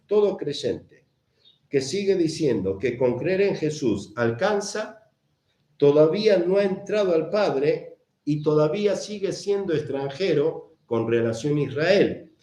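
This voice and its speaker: A man's voice: a little high, expressive, unhurried, mellow. A man preaching a sermon, emphatic, repeating phrases and answering his own questions. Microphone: camera mic. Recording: echoey room.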